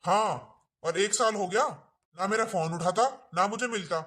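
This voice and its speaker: A woman's voice: medium pitch, moderate pace, a bit bright, lightly acted. A woman playing an insistent young man who demands his money back in a family drama skit.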